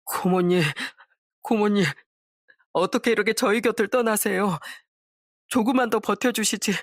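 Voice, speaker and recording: A woman's voice: mid-range voice, moderate pace, no echo, clean studio sound, natural voice. A woman voicing an evasive cheating husband who makes defensive, pleading excuses in a story drama.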